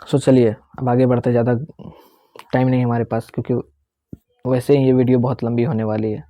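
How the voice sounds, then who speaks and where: Dry, mellow-voiced male teacher. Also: mid-range voice, little pitch movement, brisk, no room sound. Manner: explains step by step, repeats key words, checks in with "theek hai". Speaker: English vocabulary teacher. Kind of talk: Hindi-English lesson explaining pronunciation.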